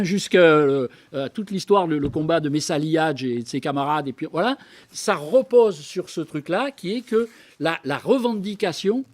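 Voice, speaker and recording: Man, fairly high voice, chatty public-talk speaker, hesitant asides, reads excerpts aloud. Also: darkish tone. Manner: conversational lecturer with frequent asides and hesitations; reads historical documents aloud. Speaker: guest speaker at a political debate. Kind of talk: public talk to a live audience.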